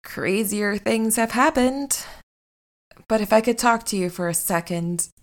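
An actress playing a patient, earnest young superhero bride in an audio drama. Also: female voice, fairly high pitch, a little slow, natural voice.

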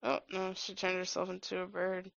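A creaky woman's voice in casual movie chat, blunt and teasing. The sound is dry and slightly dull, with medium pitch. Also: monotone, moderate pace, a bit bright, no echo. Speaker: movie reaction commentator. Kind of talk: casual film-watching chat.

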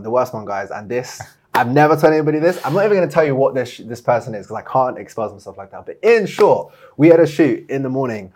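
A young man telling stories in a casual interview, chatty and animated, with many fillers and laughs. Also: medium pitch. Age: young adult. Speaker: guest, video production founder.

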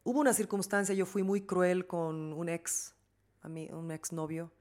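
A woman's voice: fairly low pitch, level tone, measured pace, darkish tone. A middle-aged woman with a Bolivian Spanish accent, chatting casually as a guest and telling candid stories full of restarts and fillers. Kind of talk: casual chat.

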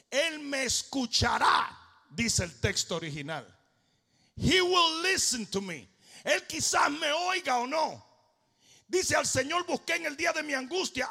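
A man preaching a fervent sermon as pastor, often shouting and half-singing his lines. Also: very high voice, vocal fry. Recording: long hall reverb.

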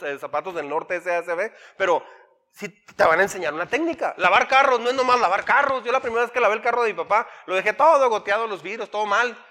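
A man preaching a sermon to his church, animated, asking the congregation questions and acting out parents and kids in quoted voices. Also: high voice. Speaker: pastor. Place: church hall.

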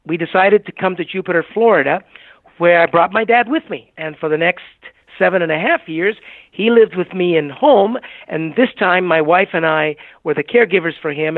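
A man's voice: fairly high pitch, no echo. A man in his seventies, a guest in a conversational interview, telling his story in a gracious, chatty way with some hesitations. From Puerto Rico, raised in Southern California. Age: 70s. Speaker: guest, agency CEO. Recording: tinny phone-like remote line.

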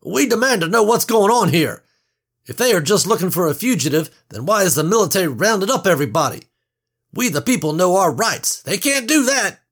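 A man voicing a portly, pushy middle-aged passenger who demands answers loudly. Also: high-pitched, expressive, brisk, few pauses, pitched above the performer's own voice. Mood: indignant. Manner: loud, demanding.

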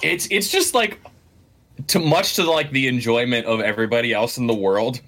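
A man co-hosting a casual sports podcast, talking in an animated, rambling way with lots of restarts and the odd curse. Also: medium pitch, moderate pace. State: has the hiccups. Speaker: podcast co-host.

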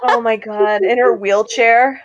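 A woman in her twenties co-hosting a casual chat, animated and full of jokes. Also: a little high, no room sound. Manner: animated, joking, quick quips. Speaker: podcast co-host.

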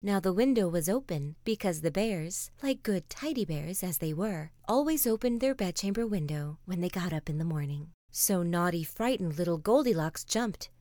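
A woman reading a fairy tale as a soft bedtime story, often slipping into a whisper. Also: medium pitch, no echo.

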